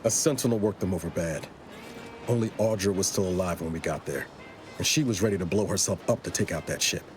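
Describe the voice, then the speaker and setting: An actor playing a sober, loyal soldier companion in a video game, terse and earnest. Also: male voice, low voice, fairly quick, soft background music, lightly acted. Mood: grim.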